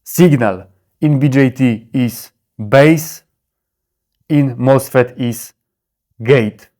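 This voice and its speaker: A man's voice: mid-range voice, extremely slow, darkish tone. A man giving a simplified explainer in caveman-like broken English, with short blunt phrases and dropped little words. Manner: short clipped phrases, often checking with "okay?". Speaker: presenter explaining electronics.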